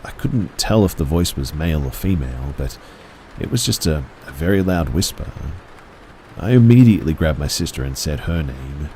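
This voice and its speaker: Deep male horror narrator, measured and hushed delivery. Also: animated, slight background noise, rough recording.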